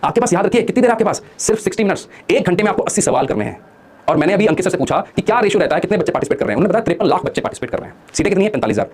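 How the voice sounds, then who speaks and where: Fast-talking husky motivational man. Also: high voice, very animated, darkish tone. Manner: asks rhetorical questions and answers them himself; coaxes listeners to join in and comment. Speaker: motivational speaker for exam students. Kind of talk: motivational study talk.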